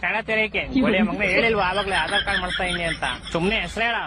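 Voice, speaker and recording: High-voiced man in comic banter. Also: steady tone, rapid-fire. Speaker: comedy skit performer. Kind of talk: comic skit dialogue. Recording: clear background noise.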